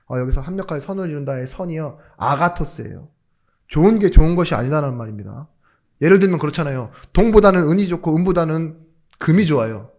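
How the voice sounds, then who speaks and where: A male pastor giving a sermon, asking rhetorical questions, throwing in jokes, and suddenly raising his voice for emphasis. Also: fairly high pitch. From South Korea. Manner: jokey asides.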